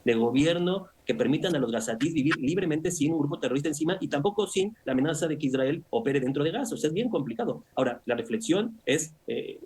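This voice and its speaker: A man speaking as an analyst guest in a news interview, measured and analytical, often tagging his points with rhetorical questions. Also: fairly high pitch, expressive, a little mellow, breathy edge. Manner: measured, analytical, with frequent "o sea" and "¿no?".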